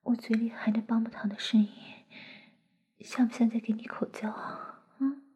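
A woman voicing a flirtatious, teasing sister-in-law in an intimate audio roleplay, speaking in a breathy close whisper. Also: fairly high pitch, fairly even intonation, moderate pace, mellow. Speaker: voice actress in an adult audio roleplay.

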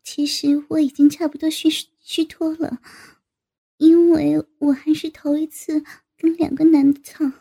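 A woman voicing a shy young woman who confides to a friend in a hesitant, halting way. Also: high voice, little pitch movement, creaky. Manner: hesitant, halting, soft-spoken. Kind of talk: adult audio story reading.

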